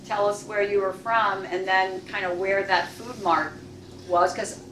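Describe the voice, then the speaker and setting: A woman in her sixties or older hosts a club meeting and conducts a casual onstage interview, asking chatty, joking questions. Her voice is medium-pitched and fairly bright, with a measured pace and fairly even intonation. A far-off camera captures her in an echoey meeting room, with background noise.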